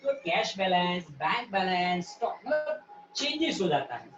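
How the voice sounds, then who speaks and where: A male teacher giving a live online class, repeating definitions slowly and quizzing students by name. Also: high-pitched, sing-song, over music. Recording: echoey, distant, dull sound.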